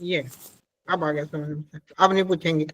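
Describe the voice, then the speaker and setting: A man's voice: a little high, steady tone, normal speed, a bit bright, dull audio, slight background noise. A male student in an acupressure class who answers hesitantly and calls the teacher "sir.". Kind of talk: class discussion.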